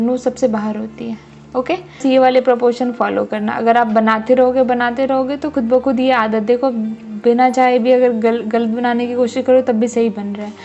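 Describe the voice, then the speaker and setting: A woman's voice: fairly high pitch, gravelly, darkish tone, highs cut off. A woman teaching a drawing lesson step by step, often checking that her students follow. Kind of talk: casual drawing tutorial.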